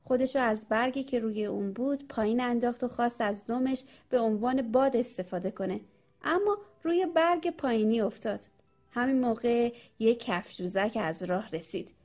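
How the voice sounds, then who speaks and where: High-voiced woman telling a children's story. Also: soft background music. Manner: gentle, addresses the children directly.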